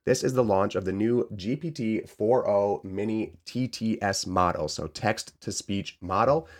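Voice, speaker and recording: A man's voice: on the low side, measured pace. A man hosting a solo tech podcast, upbeat and explanatory, taking care with a tired voice. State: saving a tired voice. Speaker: podcast host.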